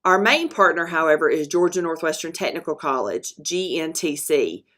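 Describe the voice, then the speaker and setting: A woman presenting a school program as voice-over narration for a screen recording, talking in a halting way with frequent ums and self-corrections. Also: deep voice, expressive, a bit bright. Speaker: school dual enrollment presenter.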